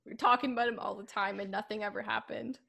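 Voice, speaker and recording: A woman's voice: mid-range voice, steady tone, quick pace, gravelly, sharp tone. A young woman co-hosting a hockey radio show, talking in an easygoing way and often saying "like". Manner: easygoing, leans on "like" as a filler. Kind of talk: casual sports chat.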